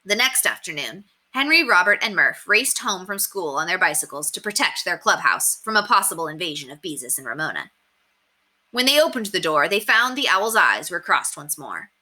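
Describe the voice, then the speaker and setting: At a moderate pace, a female story reader narrates a children's novel with lively animation. Her strikingly bright tone and freely moving pitch lend the reading an emphatic, storytelling contour.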